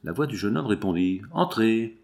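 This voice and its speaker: A man narrating a novel as an audiobook reader, with a measured, expressive delivery. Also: mid-range voice.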